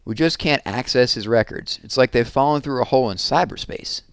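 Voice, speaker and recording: A man reading aloud, voicing a commanding, easily outraged female official who gives brisk orders. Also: medium pitch, clean tone, no echo, clean studio sound, pitched above the performer's own voice, natural voice.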